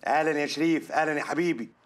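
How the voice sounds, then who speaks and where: A man's voice: on the high side, rapid-fire, big-room sound, natural voice. An actor playing a weary, newly single man with an Egyptian accent, muttering sarcastic grumbles. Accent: Egyptian Arabic. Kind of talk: TV comedy series acting.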